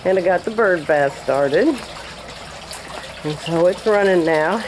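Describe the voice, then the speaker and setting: Taking it slowly in a fairly low voice, an older woman narrates a casual vlog as she films outdoors at a building site. She's chatty, exclaims often and laughs, and her camera audio includes outdoor noise.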